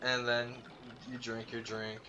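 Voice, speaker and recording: Male game master, relaxed narration, unhurried and bright, dull lo-fi recording. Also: mid-range voice, slight background noise. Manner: relaxed, chatty, laughs often.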